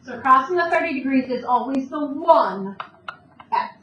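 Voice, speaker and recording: High-voiced woman teaching math in an echoey room. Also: expressive, normal speed, fairly bright tone. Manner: explains step by step, asks questions and answers them herself. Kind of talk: recorded classroom math lesson. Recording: distant, dull, echoey room with faint noise.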